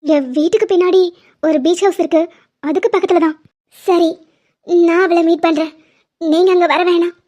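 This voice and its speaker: Woman doing a squeaky-high cartoon girl, emotional and pushy, kinda dark mellow tone. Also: steady tone, normal speed, long pauses. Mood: determined. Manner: tearful, urgent pleading. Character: emotional young woman, loyal and impulsive. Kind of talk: Tamil cartoon dubbing.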